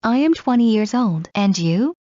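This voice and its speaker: A woman reading scripted English practice dialogues in a slow, clear drill delivery. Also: on the high side, expressive, mellow, dry recording. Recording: muffled lo-fi recording.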